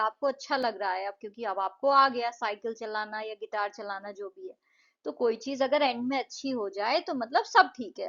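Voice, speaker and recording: A woman explaining an English lesson to children, patiently repeating words slowly to show their syllables. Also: fairly high pitch, fairly bright tone, muffled recording. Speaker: English tutor.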